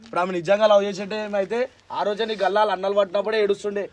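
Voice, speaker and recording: A man's voice: high voice, flat delivery, racing, music in the background. A man, arguing in a worried, insistent way in a family drama skit. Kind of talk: scripted family drama acting.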